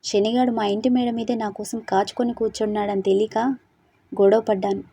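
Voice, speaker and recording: A woman's voice: medium pitch, flat delivery, brisk, warm tone, breathy edge, natural voice. Woman reading as a tearful young bride. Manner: sobbing, pleading.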